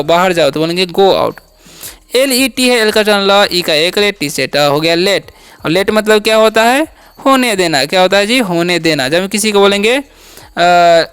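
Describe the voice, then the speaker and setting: A man's voice: high-pitched, a bit bright, clean tone, dry recording. A man teaching English vocabulary in a spoken lesson, asking a question and answering it himself again and again. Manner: repetitive call-and-response teaching, asks and answers his own questions.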